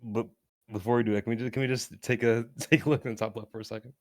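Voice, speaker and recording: A man's voice: mid-range voice, steady tone, fast, a little mellow, no room sound. A man co-hosting a casual podcast, rowdy and emphatic, cutting in with strings of no. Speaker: podcast co-host.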